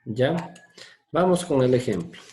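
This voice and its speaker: A man's voice: mid-range voice, big pitch swings, measured pace, mellow, slight background noise. A man teaching an online English class, patient and often asking for confirmation. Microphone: video call.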